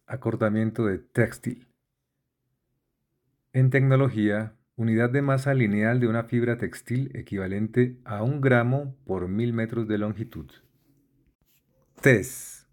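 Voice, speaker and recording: A man reads dictionary definitions one after another in a calm, scripted delivery. His voice sits low, and he takes his time. He spells out letters and adds usage examples. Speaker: dictionary word reader. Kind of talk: scripted reading of word definitions.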